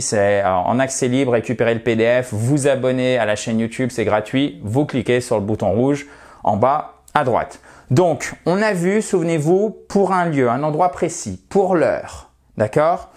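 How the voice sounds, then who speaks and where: A man's voice: mid-range voice, expressive, moderate pace, darkish tone. A man teaching English in an online video lesson, explaining patiently step by step and addressing viewers as dear friends.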